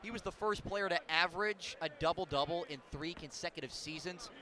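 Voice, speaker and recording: A pushed, bright male voice, on the high side and a little fast, belongs to an American doing live radio basketball commentary. He describes the action in clipped calls that rise on big plays, with clear game noise and bouncing balls from the indoor arena.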